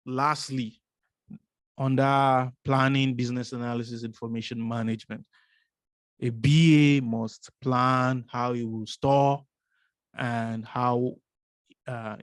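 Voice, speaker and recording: A man's voice: mid-range voice, no room sound, studio quality. Man lecturing with frequent "right?" checks. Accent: non-American English. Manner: repeats "right?" often, asks rhetorical questions. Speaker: business analysis instructor. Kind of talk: explanatory course lecture.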